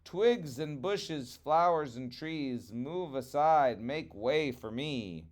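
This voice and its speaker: A man's voice: high voice, fairly even intonation, quick pace, darkish tone, pitched above the performer's own voice, close to an everyday voice. A man voicing an eager, pleading little tortoise in a storybook trickster tale. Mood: urgent commanding. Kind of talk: storybook character voice.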